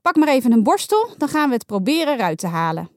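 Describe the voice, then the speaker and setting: A woman's voice: high voice, big pitch swings, fast, darkish tone, dry recording, studio quality, voice pushed up. A woman voicing a firm, weary mother who speaks sternly but patiently. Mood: concerned.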